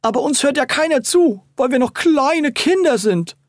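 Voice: medium pitch, very fast, darkish tone, slightly rough, no room sound, studio quality, pitched above the performer's own voice, lightly acted. A narrator voicing a young boy, a prankster brother who whines and complains. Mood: whining. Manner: complaining, whining.

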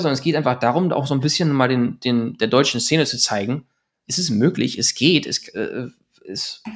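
A German man in his thirties speaks at a middle pitch with a gravelly, creaky edge. He rambles quickly through his answer and keeps restarting his sentences with fillers. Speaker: guest. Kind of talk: casual podcast interview.

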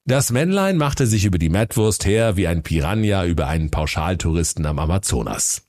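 A man's voice: sits low, lively intonation, a little fast, darkish tone. A man narrating a comic fairy tale for radio with a dry, mock-solemn manner. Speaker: storyteller.

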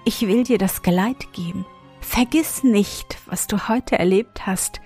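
Wieglinde, a soft wistful butterfly fairy, as a woman puts her on. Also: medium pitch, measured pace, husky, faint music behind. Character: delicate female butterfly fairy, gentle and wistful.

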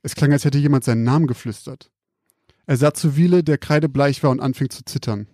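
A man calmly reading out a scripted spooky story in a measured, quiet storytelling manner. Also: medium pitch, no room sound, clean studio sound.

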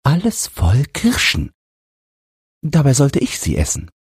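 A man voicing a feverish sick boy who repeats himself in a halting, dreamy way. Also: on the high side, huge pitch swings, breathy edge, dry recording, clean studio sound, pitched above the performer's own voice, full character voice. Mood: fretful.

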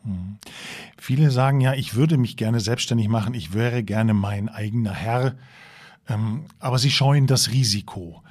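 A man hosting a podcast interview, asking clear, measured questions. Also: medium pitch, darkish tone. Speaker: podcast host.

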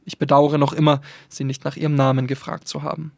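A man giving a calm, measured reading of a literary story. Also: a little high, gravelly, no room sound. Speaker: reader.

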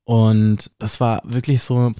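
Mellow-voiced man telling a rambling story. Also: medium pitch, flat delivery, slow pace, clear, resonant tone, no echo, studio quality. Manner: rambling storyteller, frequent "ne?" tags. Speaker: podcast guest, drag performer and DJ. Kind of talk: casual chat, personal storytelling.

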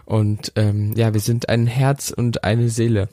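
Speaking from a holiday house on an unsteady remote connection, this late-twenties podcast co-host rambles through a casual chat, restarting often and using lots of fillers. He has a dark, lowish voice with a level tone and a measured pace, and the audio is studio quality with no room sound.

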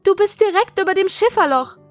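A woman voicing a frightened young girl, the little sister, who shouts warnings in an audiobook story. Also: very high voice, steady tone, slow pace, soft background music, voice pushed up. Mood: panicked shouting.

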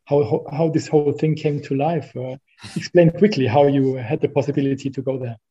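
A man's voice: mid-range voice, steady tone, a little fast, mellow, slightly rough. A man chatting casually as a podcast guest, piecing his phrases together a little hesitantly, on a slightly dull lo-fi recording. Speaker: podcast guest and card collector. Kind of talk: casual interview chat.

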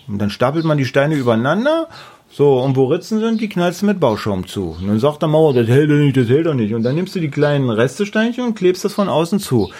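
A man's voice: on the high side, a little mellow. A middle-aged man with a German accent, speaking casually and emphatically in an interview about the house he builds, often repeating words for stress. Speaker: artist building his house.

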